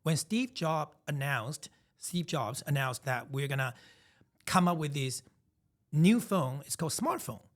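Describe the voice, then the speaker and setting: A man's voice: fairly high pitch, lively intonation, unhurried. A man in his thirties, originally from Taiwan, co-hosting a casual podcast chat and telling emphatic, reflective stories with frequent restarts. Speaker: podcast co-host.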